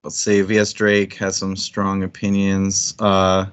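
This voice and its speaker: Deep and monotone, this man's voice moves at a measured pace; the tone is clean but the highs are cut off. He's co-hosting a book club livestream, casually discussing books and rambling while he thinks out loud.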